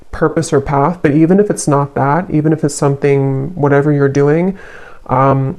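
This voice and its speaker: A tarot reader giving a card reading, unhurried and searching for words, with many soft fillers. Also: mid-range voice.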